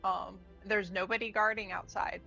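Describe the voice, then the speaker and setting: A woman running a tabletop game, narrating the scene in a loose, rambling way. Her voice is gravelly and bright, with plenty of fillers and restarts. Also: medium pitch, fairly even intonation, normal speed, muffled recording, faint music behind. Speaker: game master.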